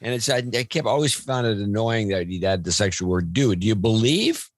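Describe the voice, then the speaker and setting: A man co-hosting a casual podcast, arguing a pet peeve in a wry, deliberate way. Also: on the low side, expressive, no echo. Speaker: podcast co-host. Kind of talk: casual chat.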